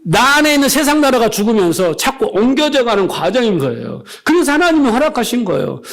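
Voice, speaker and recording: A middle-aged male pastor preaching a sermon, emphatic, often asking the congregation questions and acting out little dialogues. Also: sits high.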